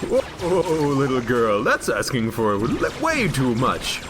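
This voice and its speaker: Man playing a tired patient santa, slow fatherly talk, improvised on stream. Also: mid-range voice, huge pitch swings, background noise. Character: weary mall Santa, older man, patient.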